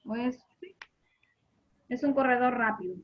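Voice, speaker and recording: A woman's voice: a little high, a little slow. A woman teaching an English grammar lesson, patiently explaining and repeating questions to her students. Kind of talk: classroom lesson. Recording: muffled lo-fi recording.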